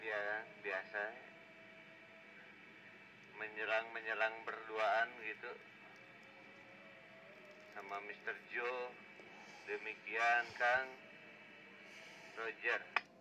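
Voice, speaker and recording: A man comes through a two-way radio speaker, his low voice slow and unhurried in easy on-air banter. The sound is distant and carries a clear hiss of radio noise. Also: little pitch movement. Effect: heard over a two-way radio speaker. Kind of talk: casual radio chat.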